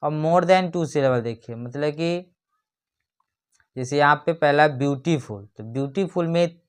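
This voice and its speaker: A grammar teacher giving an explanatory lesson, reading definitions slowly and then explaining them with rhetorical questions. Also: mid-range voice, smooth.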